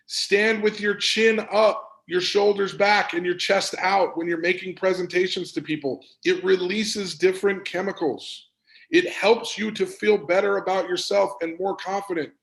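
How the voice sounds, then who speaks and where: Gravelly-voiced man giving a motivational talk. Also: sits high, echoey room, rough recording. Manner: energetic, emphatic, repeats words for stress. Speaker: performance coach and speaker. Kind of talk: motivational presentation.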